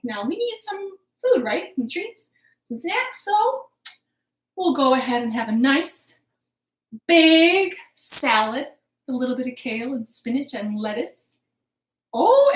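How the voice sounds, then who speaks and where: A female children's storytime host speaks in a high-pitched, slow, playful voice, animatedly encouraging small children through rhymes and counting with playful exaggeration. She's at home in a living room, recorded with a roomy echo.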